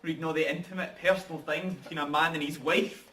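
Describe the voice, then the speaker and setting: A man's voice: fairly high pitch, steady tone, fast, bright, forceful tone. An actor in a stage reading playing a wronged, bitter working-class man who speaks with scornful, colloquial bluntness. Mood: angry, scornful. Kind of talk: rehearsed stage reading of a drama. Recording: distant mic, background noise.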